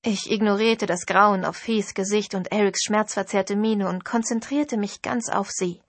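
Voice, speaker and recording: A woman narrating a novel in the first person, in an even, expressive storytelling voice. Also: medium pitch, moderate pace, no echo. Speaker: audiobook narrator.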